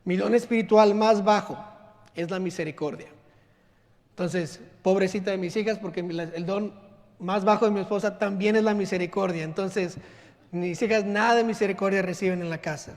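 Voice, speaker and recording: A man preaching in a church, his voice sitting fairly high for a man. The sound rings out with a long hall reverb. He is earnest and sometimes drops soft and low to stress a point. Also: moderate pace. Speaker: pastor. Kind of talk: sermon. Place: church sanctuary.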